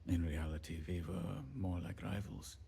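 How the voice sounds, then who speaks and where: A man's voice: low-pitched, fairly even intonation, gravelly, warm tone, slightly rough, full character voice. An actor playing a fretful, apologetic male handyman who rambles and talks himself down, in video game dialogue. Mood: bitter. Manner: rambling, self-deprecating, quick to apologize.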